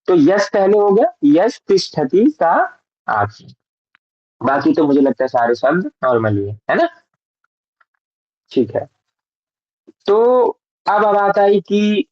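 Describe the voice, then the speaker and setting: A man teaching a Vedanta class with a patient manner, checking in with his students and reciting Sanskrit verses slowly. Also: a little high, dry recording, dull audio. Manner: patient, checks understanding with frequent "है ना, ठीक है". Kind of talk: classroom lesson on a Sanskrit text.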